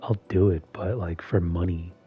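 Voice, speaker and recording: A man hosting a video in a soft-spoken, half-monotone voice that is often whispered and slightly strained. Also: sits low, moderate pace, slightly rough, phone-quality sound, soft background music. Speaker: video host. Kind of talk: soft-spoken ASMR-style commentary.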